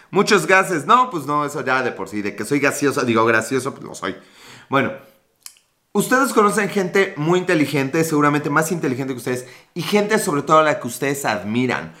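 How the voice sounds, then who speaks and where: A man's voice: a little high, bright, forceful tone. Joking Mexican man on a livestream. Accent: Mexican Spanish. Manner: joking, crude slang, reads and answers comments. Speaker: livestream host. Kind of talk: casual livestream chat with viewers.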